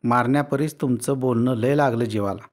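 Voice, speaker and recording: Male reader doing a touchy, tearful village wife, higher plaintive rustic voice. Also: normal speed, a little mellow, close to an everyday voice. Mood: sulky. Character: rural village wife, sulky, tearful, quick to take offense.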